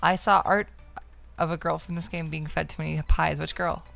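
A woman's voice: low voice, completely flat delivery, a little fast, soft background music. A woman giving casual, playful and irreverent commentary as she plays a game. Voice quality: creaky. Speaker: game streamer. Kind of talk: casual gameplay commentary, reading dialogue aloud.

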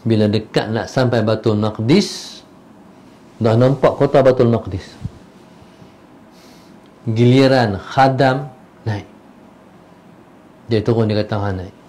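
A man giving a religious lecture as a storyteller, moving between loud bursts and soft asides. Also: medium pitch, takes it slowly, pauses often. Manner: animated, acts out the characters' voices. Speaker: religious teacher.

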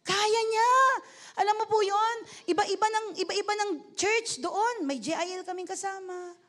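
A woman pastor from the Philippines preaches at a church service. Her voice sits very high, and her talk is lively and polite. She keeps calling out questions to the congregation and switches freely between Tagalog and English. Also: moderate pace. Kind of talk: sermon.

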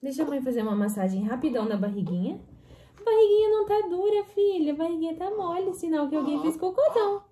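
A woman's voice: very high voice, expressive, fast talker, dark tone. A young woman talking singsong baby talk to her newborn daughter, soothing and repeating words while changing her. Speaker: mother and vlogger.

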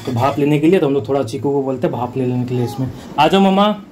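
A man's voice: mid-range voice, steady tone, racing, warm tone, a little hiss or hum. A man with a Bengali accent, vlogging casually at home and soothing a pet with repeated coaxing words, recorded on a handheld camera. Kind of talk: casual home vlog narration. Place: home indoors.

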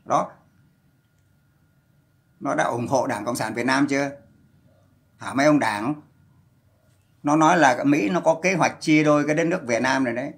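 A man's voice: mid-range voice, normal speed, long pauses. A man ranting on a livestream, scolding and cursing in a heated voice. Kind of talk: angry livestream rant.

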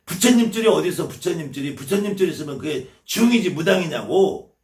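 A man's voice: fairly high pitch, expressive, a little fast, darkish tone, reverberant, recorded from a distance. A man from the Chungcheong region, a shaman teaching his viewers, blunt and scolding and swearing freely as he lectures. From Chungcheong, South Korea.

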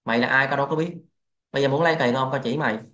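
A man's voice: medium pitch, very fast, fairly bright tone. A man hosting a crypto trading channel, lecturing bluntly and swearing freely in a casual livestream rant. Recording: echoey, dull lo-fi sound.

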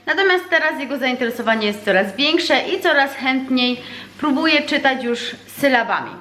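A woman's voice: high voice, moderate pace. Patient mother teaching reading at home. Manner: calm, patient, explanatory, with frequent hesitations. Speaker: parent teaching her child to read. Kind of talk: home reading lesson vlog. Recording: echoey room with faint noise.

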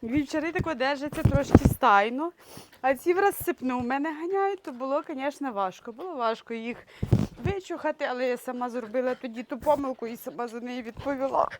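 A woman's voice: high-pitched, brisk, very noisy. A Ukrainian woman dog breeder, tearful, cooing baby talk to her puppies in an emotional vlog. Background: dogs.

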